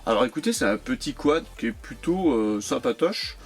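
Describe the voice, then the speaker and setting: A man's voice: medium pitch, lively intonation, moderate pace, soft background music. Chatty man unboxing toy cars. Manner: chatty, full of hesitations and repeated words. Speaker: toy car collector vlogger. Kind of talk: casual unboxing chat.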